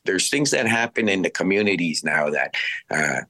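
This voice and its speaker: A man giving reflective interview talk in a halting, deliberate way with many pauses. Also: deep voice, sing-song, pushed and bright. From Canada, Saddle Lake Cree Nation. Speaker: interview guest, musician and language speaker.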